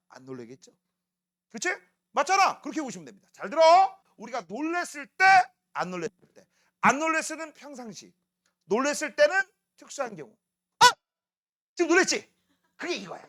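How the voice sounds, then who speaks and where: A man's voice: high voice, bright, forceful tone. A man teaching a middle school science class, joking and teasing students and constantly asking if they follow. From South Korea.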